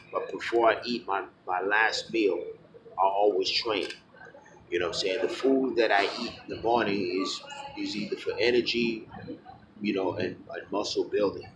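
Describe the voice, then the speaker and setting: A man with a deep, low voice speaks in a loose, rambling monologue, often stopping to restart his sentences. He talks frankly and plainly. Clear background noise and passing vehicles run under his voice. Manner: rambling, full of fillers and self-corrections. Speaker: vlogger. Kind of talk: casual talking-to-camera monologue.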